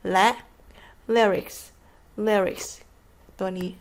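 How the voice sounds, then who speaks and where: A woman's voice: mid-range voice, fairly even intonation, drawn-out words. A woman English teacher with a Thai accent, patiently spelling out words letter by letter and repeating each one as she explains them. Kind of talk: slow, patient classroom explanation.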